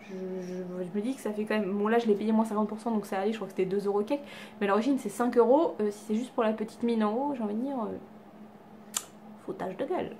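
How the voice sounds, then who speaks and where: Speaking quickly in a warm, mid-range voice with a steady tone, a beauty vlogger chats to camera about her makeup haul. She's at home with cats around, pokes fun at herself, and fills her talk with fillers and restarts. A little hiss or hum can be heard.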